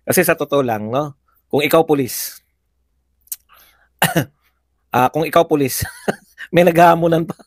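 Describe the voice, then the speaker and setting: A man's voice: fairly high pitch, unhurried, long pauses, no room sound, clean studio sound. A man hosting a live political commentary show, chatty, laughing often and firing rhetorical questions at viewers.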